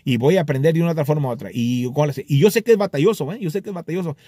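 A middle-aged man giving casual, animated motivational advice to lawn care workers, acting out little voices and repeating himself often. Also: a little high, racing, breathy edge, no echo, studio quality. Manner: animated, acts out hypothetical voices, frequent "ok" and repetitions. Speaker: lawn care business vlogger.

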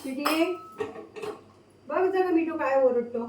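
A woman's voice: high-pitched, slow pace, very noisy. Chatty woman calling her pets. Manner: chatty, calling out to her pet parrot and dog. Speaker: vlogger. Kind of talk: casual home vlog talk. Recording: echoey room from a distance with clattering dishes.

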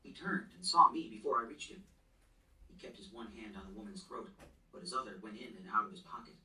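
An audiobook narrator reads a first-person novel with tense, earnest storytelling, his fairly low voice expressive, sharp and fairly quick. The distant mic picks up roomy echo, faint ambience and slight background noise.

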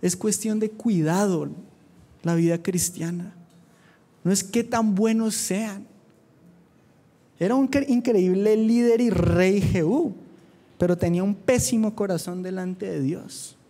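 High-voiced youth preacher. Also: male voice, mellow. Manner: fervent, with quick humorous asides. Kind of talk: sermon. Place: church youth meeting.

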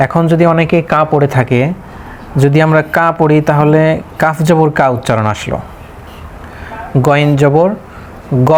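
A man with a Bangladeshi Bengali accent, his voice pitched a little high, teaches Quran pronunciation. He drills each letter slowly and patiently, repeating the same patterns again and again. A faint hiss runs under the recording. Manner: slow, drilling letter by letter with repetition. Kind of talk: tajweed lesson.

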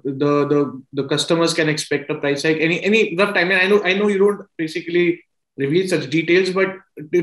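A man's voice: a little high, a bit bright, distant mic. A man in his thirties with an Indian English accent, a business news interviewer asking hesitant questions full of fillers over a video call. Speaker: interviewer, associate editor. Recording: roomy video call audio from off-mic.

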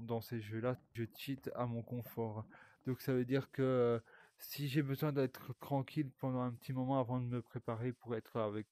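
A man's voice: mid-range voice, darkish tone, no echo. Rambling guy gaming in VR. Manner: rambling, swears often, talks to viewers. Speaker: streamer playing a VR game. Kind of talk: casual gaming commentary.

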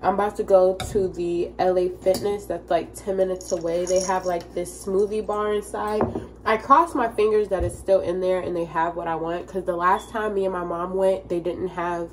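A young woman vlogger with a fairly low voice, fairly even intonation, and a normal pace chats casually to her phone camera, talking straight to viewers in a loose, friendly way, as if with friends. She sounds a bit congested from sneezing, and a faint noise lingers in the background.

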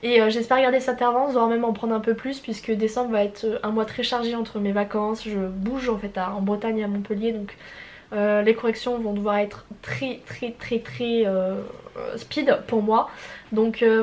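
A woman's voice: on the high side, fairly even intonation, moderate pace, darkish tone. A woman of twenty-four with a stuffy nose, chatting casually and rambling about her writing progress with slang and swearing. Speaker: writer vlogging her progress. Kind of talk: casual chat.

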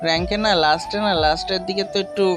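A man's voice: high-pitched, steady tone, racing. A man giving informal gameplay commentary, talking straight to his viewers and muttering to himself as he plays. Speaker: gaming video creator. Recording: music behind the voice. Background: music.

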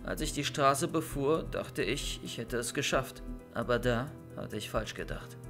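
Young male storyteller for a bedtime creepypasta, even mid-pitched voice, soft music underneath. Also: unhurried. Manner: calm storytelling, loud shouted calls in scenes. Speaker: narrator of horror stories. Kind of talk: scripted first-person horror narration.

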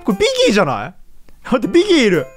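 A woman giving casual let's-play commentary, chatty and excitable, laughing often as she reacts. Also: mid-range voice, very fast, faint music behind. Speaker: gaming YouTuber.

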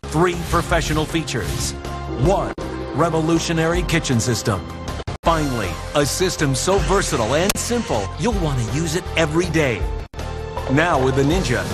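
A male infomercial announcer giving an emphatic, urgent hard sell ad voice-over. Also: a little high. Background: music behind the voice.

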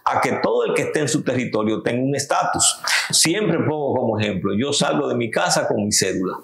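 Gravelly yet fairly bright, his voice is animated and brisk, with a reverberant sound. This fifty-something from the Dominican Republic is a political guest in a seated living-room interview, arguing forcefully in accented Spanish, gesturing and climbing in pitch on key points.

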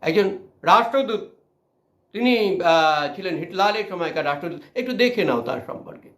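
Guy teaching lit class, reads a bit then explains with lots of ums, kinda high voice, roomy echo. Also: lively intonation, moderate pace, fairly bright tone. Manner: reads passages aloud then explains with fillers. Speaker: Bengali literature teacher. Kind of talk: line-by-line text explanation lesson.

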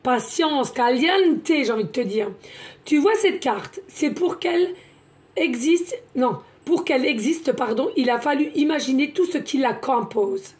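A woman talks through a tarot card reading. She is chatty, repeats words and fills pauses as she goes. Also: high voice, animated, darkish tone. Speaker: card reader, medium.

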